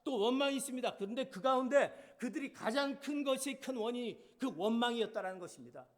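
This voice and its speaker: Man, pastor, sermon, very high voice, emphatic, rhetorical questions. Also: lively intonation, fairly quick.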